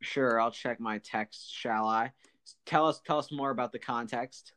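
A man co-hosting a casual podcast, talking in a halting way full of fillers and restarts. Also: medium pitch, a bit bright, clear, resonant tone. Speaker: podcast co-host.

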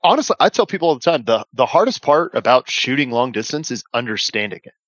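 A man's voice: medium pitch, big pitch swings, quick pace, fairly bright tone, no room sound. A Texan man who swears freely and tells wry stories. His voice comes through a dull, lo-fi call line that sounds close and dry, with no room around it. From Texas. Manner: profane, joking storyteller. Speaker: podcast guest, army veteran. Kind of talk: casual chat. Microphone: remote call.

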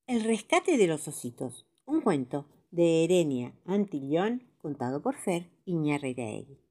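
A woman narrating children's stories as a storyteller, with a lively, dramatic reading style. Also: low voice, unhurried.

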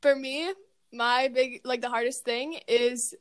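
A young woman co-hosting a podcast in casual chat, relaxed and reflective, her voice going hoarse. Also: sits high, slow pace. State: losing her voice. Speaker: podcast co-host. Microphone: recording remotely.

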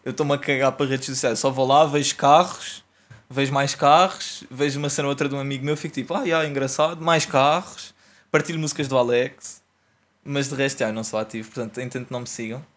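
Young portuguese-accented guy from portugal hosting a podcast, medium pitch, slangy sweary chat. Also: steady tone, quick pace, a bit bright. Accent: European Portuguese. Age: young adult. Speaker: podcast host. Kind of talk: casual chat, slangy and profane.

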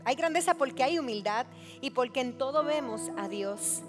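A woman's voice: high voice, animated, moderate pace. A woman pastor giving an earnest personal testimony, acting out the things people said to her. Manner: earnest, confessional, acts out quoted dialogue. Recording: music playing behind her. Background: music.

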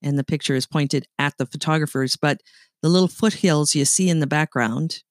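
Speaking at normal speed in a low voice, this podcast co-host is a middle-aged Canadian woman with a light accent. The talk is casual chat in which she tells stories chattily and laughs a lot, with studio quality and no echo.

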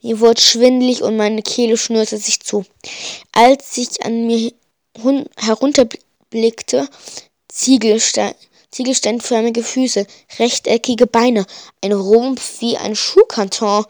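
A woman's voice: on the high side, fairly even intonation, takes it slowly, no room sound, clean studio sound. A woman reading a first-person story aloud, with frequent slips and restarts. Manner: reads with frequent slips and restarts, rising to panicked shouts in dialogue. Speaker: audiobook reader.

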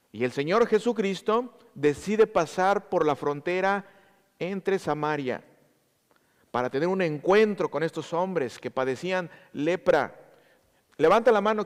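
A man's voice: high-pitched, long reverb tail. A man preaching a sermon to his congregation, teaching with repeated emphasis and speaking to them directly.

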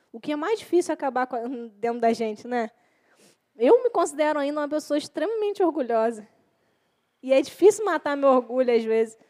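High-voiced woman preaching to youth. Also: warm tone. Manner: repeats key phrases, acts out quoted inner voices. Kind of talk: informal youth sermon.

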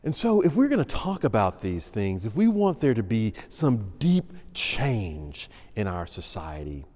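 Slow, lively-pitched preaching man. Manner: measured, emphatic preaching. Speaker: senior pastor. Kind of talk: sermon. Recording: long reverb of a large room.

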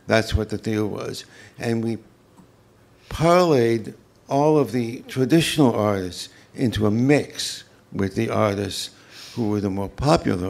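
An older man telling unscripted recollections as an interview guest, in a halting, reflective way. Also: on the low side, gravelly, darkish tone. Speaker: interview guest, former folk festival organizer. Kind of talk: unscripted reminiscence.

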